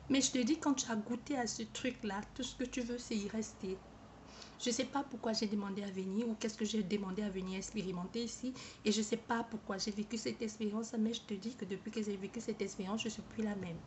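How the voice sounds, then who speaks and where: A woman speaking to camera in a personal, halting way, often repeating herself and searching for words. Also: mid-range voice, fairly even intonation, a little mellow, a little hiss or hum. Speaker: vlogger.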